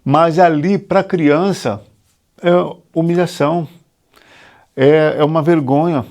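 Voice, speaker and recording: Earnest gravelly Brazilian therapist man. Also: fairly high pitch, fairly even intonation, takes it slowly, darkish tone. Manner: earnest, repetitive, confessional; talks straight to the viewer, asking questions. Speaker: psychotherapist. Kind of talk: teaching monologue to camera.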